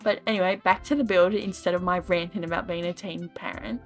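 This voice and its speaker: A woman's voice: fairly low pitch, steady tone, brisk, soft background music. A tired young woman rambling and ranting in a casual, self-deprecating voice-over while she builds in a game. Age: young adult. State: tired, yawning. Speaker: Sims gaming YouTuber.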